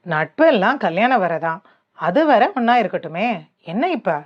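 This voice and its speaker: A woman's voice: mid-range voice, expressive, normal speed, lo-fi sound, close to an everyday voice. A woman reading a doting middle-aged father. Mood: defensive.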